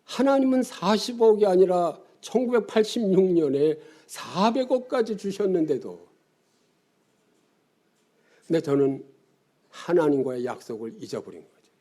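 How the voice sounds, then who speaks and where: Older man, pastor, sermon, high pitch, warm mellow tone, animated storytelling. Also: a little slow, pauses often. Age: 70s. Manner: animated storytelling with sudden drops.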